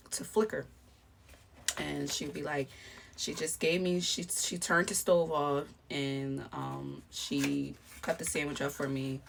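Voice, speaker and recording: A woman's voice: sits low, gravelly, slight background noise. A woman in her thirties, a beauty vlogger, telling her mother's life story in a chatty, rambling way full of fillers while doing her makeup at home. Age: 30s.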